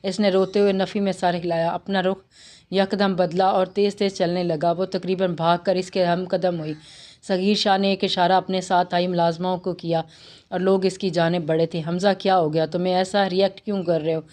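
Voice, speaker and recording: A woman narrating a romance novel aloud with steady storytelling and occasional slips. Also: on the low side.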